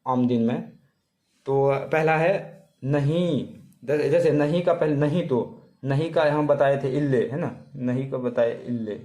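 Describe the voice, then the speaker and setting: A man giving a casual spoken language lesson, repeating each word slowly and pausing on fillers. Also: medium pitch, a little mellow. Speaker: language teacher.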